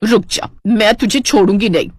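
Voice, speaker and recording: A woman voicing a sharp-tongued middle-aged mother-in-law in a storybook tale, scolding and vengeful. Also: mid-range voice, normal speed, no room sound, studio quality, natural voice. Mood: furious. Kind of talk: storybook character voice.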